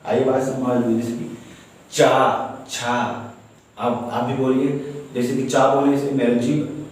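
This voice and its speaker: A man's voice: mid-range voice, level tone, normal speed, darkish tone, distant mic. A man teaching a grammar lesson, explaining step by step and often checking whether students have understood. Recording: very echoey room, voice from off-mic.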